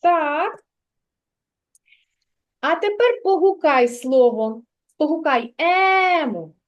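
Kindergarten teacher, woman, high and unhurried, patient and encouraging with a young pupil. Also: expressive, lo-fi sound. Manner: patient, encouraging, asks simple questions. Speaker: preschool teacher. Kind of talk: literacy lesson with a child. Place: kindergarten classroom.

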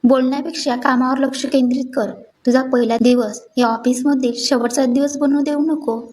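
Brief: narrator playing stern young office woman, clipped and cold, mellow higher voice. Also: steady tone, normal speed, close to an everyday voice. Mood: curt. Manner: curt, cold retorts.

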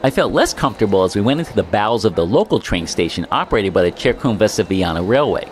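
A man's voice: lowish voice, big pitch swings, fast talker. A middle-aged man narrating a travel vlog and talking to the camera outdoors by a railway platform, wry and emphatic. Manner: wry, emphatic, repeats for effect. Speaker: travel vlogger. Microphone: camera held close, face in frame. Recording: loud outdoor background noise.

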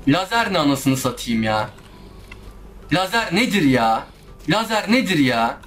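A man's voice: fairly high pitch, sing-song, unhurried, fairly bright tone, a little hiss or hum. A man giving casual let's-play commentary, frustrated, swearing often and talking back to the game. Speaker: gaming YouTuber. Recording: faint music behind the voice. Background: faint game music.

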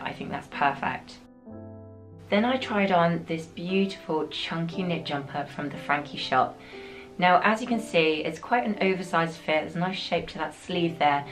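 A woman narrating a fashion try-on haul, her voice hoarse and husky from nearly losing it, gushing with enthusiasm. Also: low-pitched. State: hoarse, partly lost voice. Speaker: fashion vlogger.

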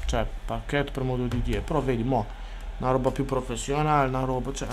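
A man streaming a sports video game, chatting casually, swearing freely and bursting into loud excited shouts. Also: mid-range voice, fast, a little hiss or hum. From Italy. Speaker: gaming streamer. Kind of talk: casual gameplay commentary.

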